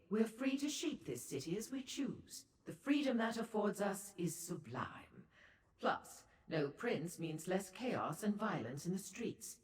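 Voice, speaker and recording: The demon merchant's low, slightly mellow female voice sounds amused and alluring, echoing as if in a hall. As a worldly, condescending Daedra shopkeeper and information broker in a video game, she delivers ornate, formal lines in a theatrical, coy, languid purr.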